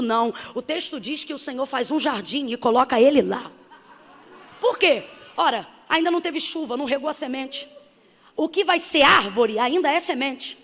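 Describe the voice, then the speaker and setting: A woman missionary preaching a sermon with emphasis, building to shouts. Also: high-pitched. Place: church hall. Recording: hall reverb.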